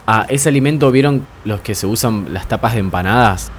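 A man's voice: fairly low pitch, a little fast, slight background noise. A young man from Rosario with an Argentine accent, co-hosting a casual chat and teasing his friends. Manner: brash, teasing, laughs a lot. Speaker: podcast co-host.

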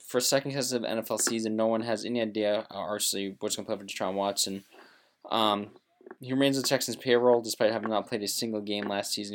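Low-voiced man chatting about football, halting. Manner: reads news with many fillers and restarts. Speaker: sports talk co-host. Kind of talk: casual sports chat.

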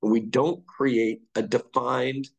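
A man's voice: mid-range voice, fairly even intonation, takes it slowly, creaky, rough recording. A middle-aged man guest on a podcast, explaining ideas in a blunt, profane, casual way. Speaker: podcast guest, fire lieutenant. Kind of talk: casual conversational chat.

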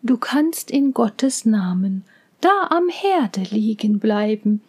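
Woman doing a sweet caring mom from a storybook, gentle, soft, a bit high. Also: big pitch swings, slow pace, slightly rough, heavily acted. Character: kind caring mother of two girls. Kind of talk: fairy tale reading.

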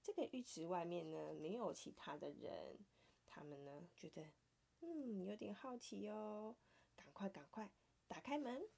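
A woman with a Taiwanese Mandarin accent reading a picture book aloud to her child, playful and animated, sometimes dropping to a soft whisper. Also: medium pitch, measured pace, vocal fry, slightly rough.

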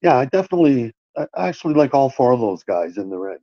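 A man's voice: medium pitch, sing-song, quick pace, warm tone, dry recording. A man co-hosting a podcast, chatting casually and agreeably, often restarting his sentences. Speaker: podcast co-host. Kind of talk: casual wrestling chat. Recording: dull, dry lo-fi sound.

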